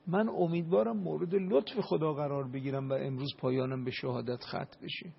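A man giving an impassioned religious talk and prayer, building up to loud emphasis at times. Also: on the high side, fairly even intonation, vocal fry, breathy edge. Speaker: religious speaker. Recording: dull lo-fi radio broadcast.

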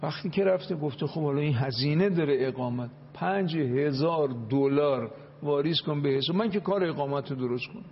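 A man's voice: fairly high pitch, slightly rough, dull audio. A man, a cleric on a talk show, preaching with Arabic quotations and dramatic, emphatic acted quotes.

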